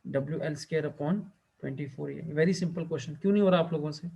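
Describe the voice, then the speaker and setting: Man, teacher, classroom lecture, slightly raised pitch, quizzes students, dull muffled recording. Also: gravelly, dark tone. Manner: quizzes students and fills pauses with "theek hai".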